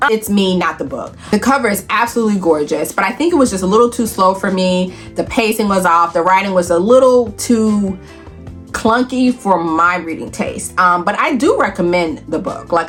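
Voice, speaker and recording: Chatting through a book review video, this American host speaks at medium pitch with lively, emphatic playfulness. She refers to herself as auntie and talks to her audience warmly and folksily, sprinkling in "y'all," "honey," and "child."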